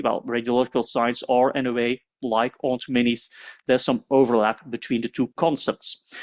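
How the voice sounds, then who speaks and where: A man teaches radiology at a brisk clip, pausing on filler sounds as he goes. His voice sits in a middle pitch. The recording is a little muffled and lo-fi. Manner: quick, with frequent "uh" fillers. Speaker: radiology lecturer. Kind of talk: fast-paced medical lecture.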